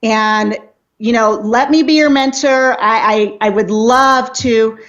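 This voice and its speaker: A woman's voice: a little high, slow, fairly bright tone, lo-fi sound. A woman in her fifties, a life coach talking earnestly and motivationally as an interview guest, with frequent restarts. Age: 50s. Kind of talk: casual interview chat.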